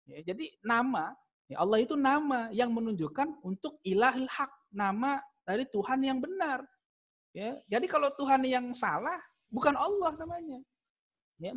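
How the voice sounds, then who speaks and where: A man's voice: high voice, a bit bright. A man giving an online lecture on Arabic grammar, explaining readings step by step, raising his voice to stress key points and chuckling at the examples. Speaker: Islamic studies lecturer.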